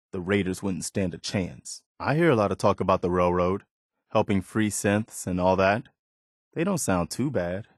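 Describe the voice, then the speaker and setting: A male actor voices a weary but principled militia soldier from a post-apocalyptic video game, speaking in a low-ish, darkish voice close to everyday speech. The recording is dry and close with no echo. He sounds sincere, supportive and plain-spoken, chatting like a loyal companion on the road.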